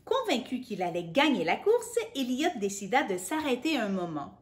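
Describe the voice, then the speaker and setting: A woman reading a picture book to children, playful and animated, adding sound effects and asides. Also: on the high side, normal speed. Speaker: children's storyteller.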